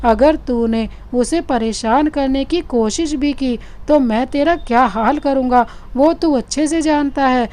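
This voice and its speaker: A woman's voice: high voice, a little slow, hardly any pauses, darkish tone. A woman voicing Vikki, a hot-tempered young man. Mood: threatening. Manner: threatening, bossy. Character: young male college student, hot-tempered and possessive.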